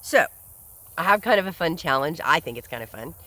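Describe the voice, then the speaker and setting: A man's voice: a little high, animated, fairly quick, sharp tone, dry recording, poor audio. A man hosting a solo podcast, speaking in an earnest, reflective way and often repeating words as he thinks aloud. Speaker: podcast host. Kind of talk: solo commentary monologue.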